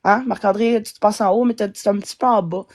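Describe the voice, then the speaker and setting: A woman's voice: mid-range voice, fairly even intonation, fast, a little mellow. Angry ranting Québécois woman. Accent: Québécois French. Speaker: guest. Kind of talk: angry live-stream rant.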